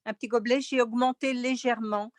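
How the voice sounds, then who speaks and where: Casting: woman, high voice, dry sound, informal testimonial from a meeting participant. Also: steady tone, quick pace, no echo. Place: online video meeting.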